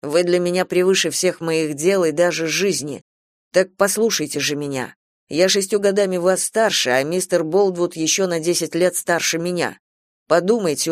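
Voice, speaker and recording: A man's voice: fairly high pitch, steady tone, normal speed, no echo, studio quality, natural voice. A man playing a steadfast, devoted farm manager who speaks earnestly and bluntly in a radio play. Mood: earnest pleading.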